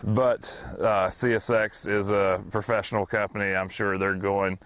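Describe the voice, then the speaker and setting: A man's voice: on the low side, flat delivery, measured pace, fairly bright tone, a little hiss or hum. A local man interviewed for the news, plainspoken and hesitant, with fillers.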